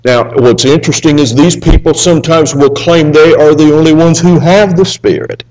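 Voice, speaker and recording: A man preaching a sermon, reading scripture aloud and swinging between raised emphasis and hushed asides. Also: a little high, fairly even intonation, normal speed, low-quality recording.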